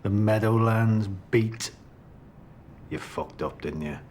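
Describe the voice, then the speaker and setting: Suspect: low-voiced, taunting, sneering at the cop, noisy room. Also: male voice, takes it slowly, darkish tone. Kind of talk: TV crime drama acting.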